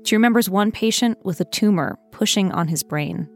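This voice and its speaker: A woman co-hosting a news podcast, reading scripted news in a clear, measured way and chatting with her co-host. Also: mid-range voice, soft background music. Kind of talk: scripted news narration and banter.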